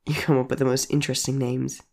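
A storyteller voicing Aaron, a gentle, caring young man who speaks earnestly and reassuringly. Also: mid-range voice, little pitch movement, fast, vocal fry. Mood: concerned. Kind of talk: audiobook character voice.

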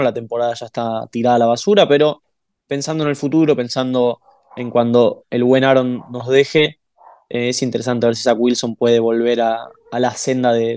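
Relaxed man with a dry, close sound. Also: medium pitch, no room sound. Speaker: podcast co-host. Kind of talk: casual sports analysis.

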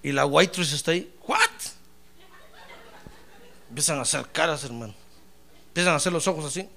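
A man preaching a sermon as pastor, with animated delivery that swings from low asides to loud praise, often calling listeners "brother". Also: quick pace, vocal fry. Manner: addresses listeners as "hermano". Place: church.

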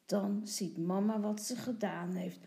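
Slow, soft-spoken storybook reader, a woman. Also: mid-range voice, fairly even intonation, vocal fry. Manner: soft, hushed at times. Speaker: teacher reading aloud. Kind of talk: children's storybook reading.

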